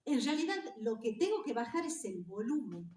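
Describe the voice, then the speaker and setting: Lively Argentine woman teaching in echoey hall. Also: on the high side, moderate pace. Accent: Argentine Spanish. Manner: lively, demonstrative, addresses audience directly. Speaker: theatre director and speaking teacher. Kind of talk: live public speaking workshop. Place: hall with an audience. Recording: echoey hall, mic at a distance.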